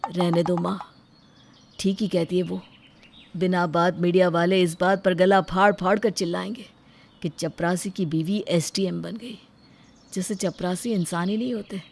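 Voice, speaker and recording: A devoted young husband speaks gently and earnestly, voiced by a woman telling a moral story. He sounds humble and kind, with a mid-range voice that stays level. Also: mid-range voice, moderate pace, slight background noise, lightly acted. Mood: hurt. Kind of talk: Hindi storybook voice acting.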